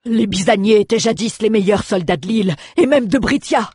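A woman's voice: medium pitch, a little fast, warm tone, husky, dry recording, studio quality, voice pushed up, natural voice. A woman voicing a proud male captain of the guard who exclaims boastfully, in a storybook reading.

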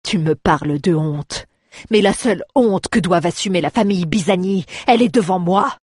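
A woman's voice: fairly low pitch, slow pace, darkish tone, slightly rough, dry recording, clean studio sound. A woman voicing a scheming middle-aged baron, lazy, mocking and drawling, in a storybook reading. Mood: menacing. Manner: drawling, sarcastic, turning menacing.

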